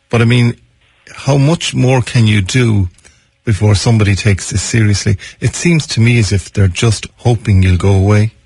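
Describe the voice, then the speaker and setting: A man's voice: on the low side, a little mellow, breathy edge, no echo. A man hosting a radio interview, probing and pressing with his questions. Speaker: radio host.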